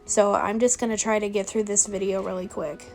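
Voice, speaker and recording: Hoarse, creaky woman with a cold. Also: medium pitch, level tone, a little fast. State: hoarse with a bad cold and sore throat. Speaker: gaming video creator. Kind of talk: casual gameplay commentary. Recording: music behind the voice.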